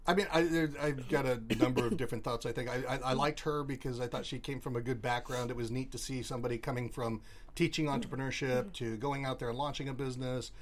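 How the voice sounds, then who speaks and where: A woman's voice: extremely low pitch, fairly even intonation, quick pace. A woman co-hosting a casual panel chat, rambling through her stories and interrupting herself. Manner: rambling, self-interrupting storyteller. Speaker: co-host.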